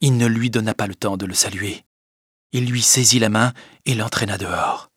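A man narrating a classic novel as an audiobook, measured and expressive, dropping softer on the speech tags. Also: lowish voice, slight background noise.

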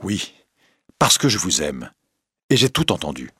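A man's voice: low voice, very animated, unhurried, bright, forceful tone, slightly rough, dry recording, clean studio sound, full character voice. A man reading as an impassioned young nobleman.

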